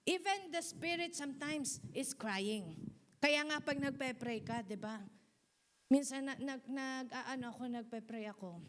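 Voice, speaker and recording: A woman pastor preaches in a high, bright-pitched voice. Her delivery is animated, and she slips in and out of English while calling on the congregation to answer her. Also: a little slow, long pauses. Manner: mixes English into her sermon, animated, laughs often; asks the congregation for responses. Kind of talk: sermon.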